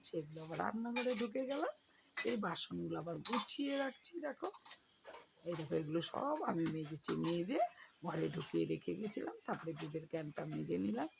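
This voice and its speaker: Hoarse woman chatting in a home vlog. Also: fairly low pitch, expressive, brisk. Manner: chatty, addresses viewers directly with many fillers. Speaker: vlogger. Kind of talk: casual home vlog narration. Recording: noisy home recording.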